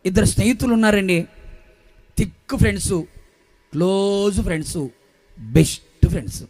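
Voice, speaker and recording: A male pastor preaching a sermon, building to shouted, half-sung emphasis and dropping low and soft for asides. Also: normal speed.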